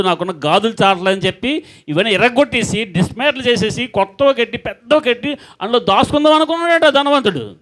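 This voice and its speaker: A man preaches with emphasis, his voice sitting a little high for a man. He keeps repeating phrases and throws rhetorical questions at his listeners. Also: fairly bright tone. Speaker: pastor. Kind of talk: sermon.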